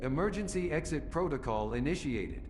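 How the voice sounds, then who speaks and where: A malfunctioning computer voice for a game's exit system, played by a man, glitching into error messages in a flat announcer tone. It sits a little higher than a typical male voice. A long reverb tail hangs on each word, with soft game music under it. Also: moderate pace, close to an everyday voice.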